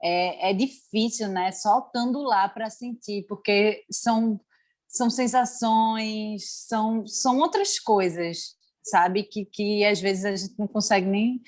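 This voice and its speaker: A woman's voice: mid-range voice, takes it slowly. Reflective woman hosting a live interview. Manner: reflective, hesitant, with repeated words. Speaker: host.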